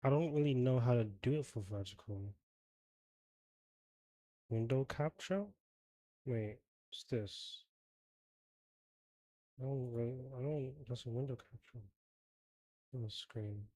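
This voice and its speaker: A man streaming a game and talking to his viewers in a loose, chatty way, checking in with them between moves. His voice sits mid-range and has a mellow, warm tone. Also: mid-range voice, slow, pauses often, no room sound. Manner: chatty, talks to viewers while fiddling with setup. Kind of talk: casual live-stream chat while gaming.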